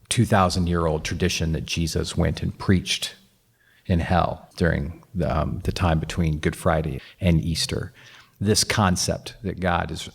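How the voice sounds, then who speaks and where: A man's voice: low voice, gravelly, slightly rough. A man, a guest author, telling a story on a live podcast and acting out the quoted dialogue with animation.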